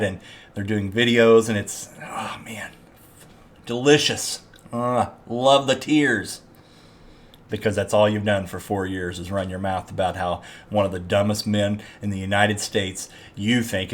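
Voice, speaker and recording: A man hosting a political commentary show, ranting in a mocking, gleeful and profane way. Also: on the low side.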